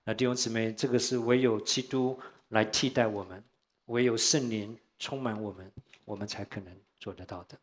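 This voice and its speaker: A man preaching a sermon earnestly, using frequent "ah" fillers, rising loud on key phrases and dropping soft at their ends. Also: fairly low pitch, steady tone, normal speed.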